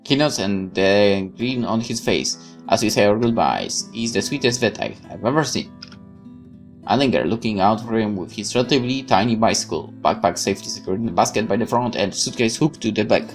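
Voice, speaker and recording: A man hosts a let's play, reading the game's text aloud expressively, with stumbles and asides, over background music. His voice is lowish, expressive, and fairly quick.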